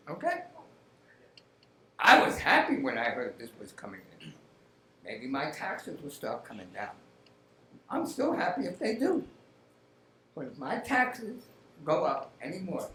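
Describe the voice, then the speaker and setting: An older man with a hoarse, raspy, strained voice making plain-spoken public remarks as a resident, in short halting phrases. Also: medium pitch, fairly bright tone. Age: 60s or older. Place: indoor council meeting room. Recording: echoey meeting room, faint noise.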